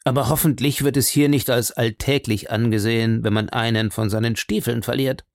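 An outspoken young baronet, plain-spoken and a little impatient, as a male audiobook reader voices him. He talks in a casual, colloquial way with a gravelly edge. The recording is dry and close. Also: medium pitch, steady tone, brisk, no room sound, lightly acted. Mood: complaining.

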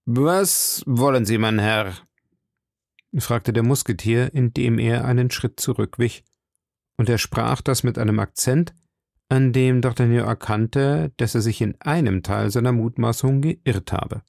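A man reading a classic novel aloud as an audiobook narrator, steady and measured. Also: mid-range voice, vocal fry, no room sound, studio quality. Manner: steady storytelling delivery. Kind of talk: scripted narration.

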